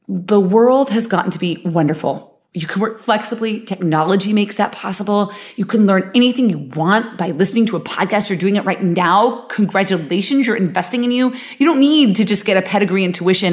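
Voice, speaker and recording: A woman's voice: mid-range voice, animated, fairly quick. A middle-aged woman who founded a company, hosting a motivational podcast monologue, emphatic and full of filler words, laughing easily.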